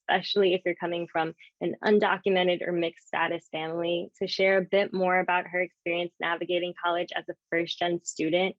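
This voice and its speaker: A woman's voice: on the low side, no echo, highs cut off. A woman hosting a panel, affirming answers and asking questions conversationally. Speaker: host. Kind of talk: moderating a panel discussion.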